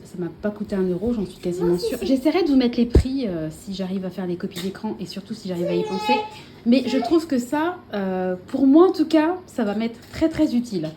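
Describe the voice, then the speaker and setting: A woman's voice: mid-range voice, background noise. A woman chatting casually to camera as a vlogger, showing her purchases at home, full of fillers and self-corrections.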